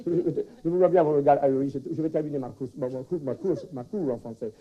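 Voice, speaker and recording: A man's voice: on the high side, fairly quick, dull audio, natural voice. A man doing a stammering foreign language teacher. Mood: rambling. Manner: stammering wordplay, restarts. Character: flustered male foreign language teacher, punning. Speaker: comedian. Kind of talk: stand-up sketch in a fake foreign accent. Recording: 1979 television broadcast.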